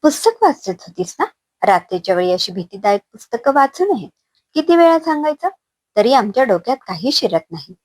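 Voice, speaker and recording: A woman's voice: on the high side, very animated, a little fast, voice pushed up. A woman voicing a fussing, caring older aunt. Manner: fussing, scolding gently.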